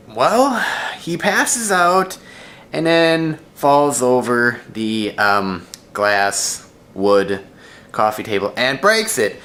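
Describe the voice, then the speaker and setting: A man chatting casually in a daily vlog, ranting animatedly and jumping up in pitch to stress his points. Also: fairly bright tone. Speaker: vlogger and mail carrier.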